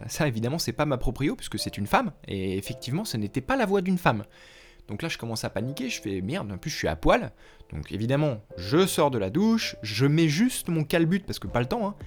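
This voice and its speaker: A young French man telling a story in a casual, slangy way, acting out the lines he quotes. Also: on the high side. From France. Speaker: language vlogger.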